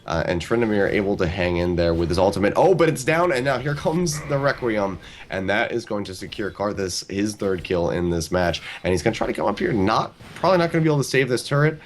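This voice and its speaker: A man calling a video game match as a play-by-play commentator, talking rapidly like an auctioneer. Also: on the low side, big pitch swings, slight background noise. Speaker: esports commentator.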